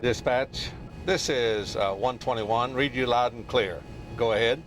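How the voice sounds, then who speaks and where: A man's voice: mid-range voice, unhurried. Male captain heard over a noisy aircraft radio; terse radio procedure, mid-range voice. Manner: clipped radio procedure phrasing. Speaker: airline captain.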